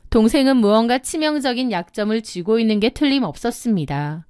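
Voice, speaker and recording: A woman in her thirties telling a first-person story in a measured, indignant way. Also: fairly high pitch, a little mellow, clear, resonant tone, no echo, clean studio sound. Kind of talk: scripted first-person narration.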